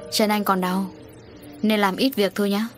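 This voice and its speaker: A woman voicing a kind male coworker who speaks in a gentle, concerned way. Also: mid-range voice, little pitch movement, normal speed, over music, natural voice.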